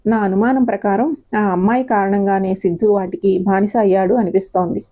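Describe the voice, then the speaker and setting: A woman's voice: medium pitch, steady tone, a little fast, mellow, lightly acted. Woman voicing a proud, domineering rich mother. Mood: reassuring. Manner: commanding, domineering. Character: proud angry wealthy mother, middle-aged.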